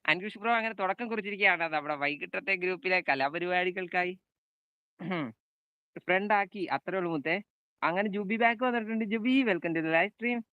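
A young man with a Malayali accent chats his way through a live football game stream, calling out passes and welcoming viewers one by one. His voice sits high and clear, with a crisp, smooth tone. The sound is dry and close, with no room around it. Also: normal speed, sharp tone, no echo, muffled recording. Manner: chatty, calls out passes and greets viewers by name.

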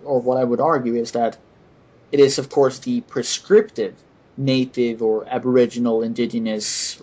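Male podcast host, husky voice, hesitant delivery with many restarts. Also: mid-range voice, warm tone. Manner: hesitant, halting, frequent restarts. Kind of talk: casual podcast discussion.

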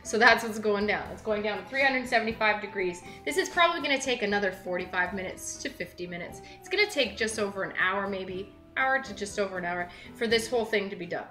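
Upbeat young woman talking thru a cooking demo, bright forceful voice, roomy kitchen with soft music behind. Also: mid-range voice, animated, quick pace, hardly any pauses. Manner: chatty, upbeat, talks while working with her hands. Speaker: web cooking show host. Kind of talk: casual cooking demonstration. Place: large home kitchen, indoors. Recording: echoey kitchen with light background music.

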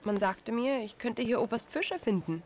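A woman's voice: fairly high pitch, lively intonation, moderate pace, a little mellow, slight background noise, natural voice. An actress playing a young undercover woman spy who speaks politely and with poise in a game. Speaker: undercover resistance agent.

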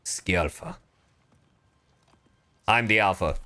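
A man with a low, sharp voice speaks slowly as a streamer and gamer. While playing, he gives casual, profane, jokey livestream commentary, sometimes reading aloud theatrically.

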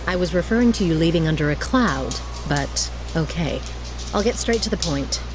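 A woman's voice: sits low, lively intonation, normal speed. A woman playing a businesslike city mayor in a video game, earnest, direct and commanding. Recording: music behind the voice.

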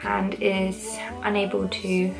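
A young British woman talks casually to camera at home. Her medium-pitched voice has plenty of vocal fry, and music plays clearly behind her. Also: flat delivery, slow pace, low-quality recording. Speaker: vlogger. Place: small living room at home, indoors. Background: background music.

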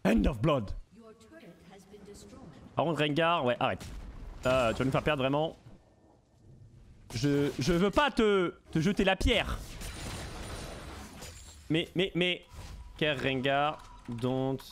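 A man commentating his own game live, excitable and swearing, with mock-formal asides and bits of English. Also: fairly high pitch, slow, long pauses, a little hiss or hum. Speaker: streamer.

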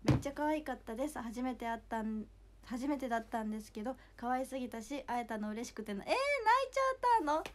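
Young woman, hoarse and high-pitched, chatty and giggly livestreamer reading out fan comments. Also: steady tone, quick pace, darkish tone, slight background noise. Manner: chatty, giggly, thanks viewers by name. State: hoarse after two shows. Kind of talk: casual livestream chat.

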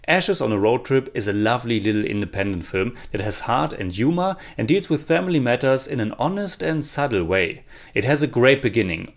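Young man reviewing films. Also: medium pitch. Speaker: film reviewer. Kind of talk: scripted video review. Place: small indoor room with shelves of film posters. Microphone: camera framed chest-up, mic not seen.

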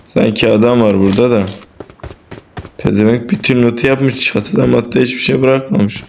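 A man commentating his mobile shooter game to viewers, excitable, cursing and then talking himself back to calm. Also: mid-range voice, moderate pace, vocal fry, background noise. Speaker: mobile gaming streamer. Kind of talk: casual gameplay commentary. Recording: roomy sound with loud game gunfire.

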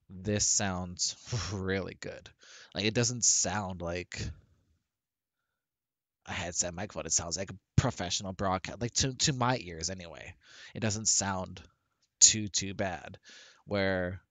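A tech tutorial creator with a deep voice takes his time explaining a software setup, wandering through his points with frequent restarts and filler words. The casual screen recording is dry, his headset mic sitting close with no surrounding room sound.

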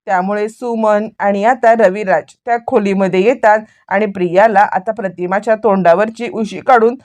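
A woman storyteller recapping a TV serial in lively, chatty narration. Her voice sits fairly high. She keeps frequent fillers and restarts as she moves the story along.

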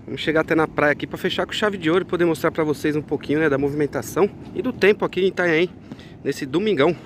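A Brazilian vlogger walks through a market and along a beach, chatting casually to viewers and repeatedly calling them friends. His fairly high voice moves quickly over background noise, recorded outdoors on a handheld phone.

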